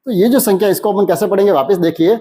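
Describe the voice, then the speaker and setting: A man teaching a maths lesson in who keeps asking questions and answering them himself, slowing down when he reads out numbers. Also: sits high, mellow. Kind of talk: classroom lesson explanation.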